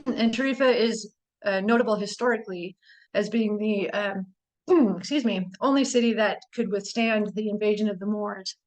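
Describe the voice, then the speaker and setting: A North American woman gives a casual slide talk about birding in a mid-range voice, and the recording is rough. Her voice is going, so she keeps clearing her throat and fills gaps with ums, yet she stays chatty and enthusiastic.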